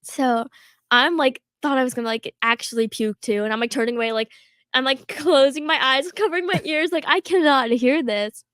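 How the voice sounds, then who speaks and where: A teenage girl telling a story in casual podcast chat, full of "like" fillers and quick laughs. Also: high-pitched, fairly bright tone, no room sound, clean studio sound. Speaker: podcast co-host.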